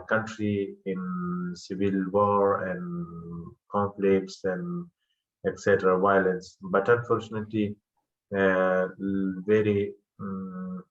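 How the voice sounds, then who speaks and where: A man from Afghanistan speaking as a guest on an online panel, with many pauses and fillers, over a video call. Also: low-pitched, lo-fi sound.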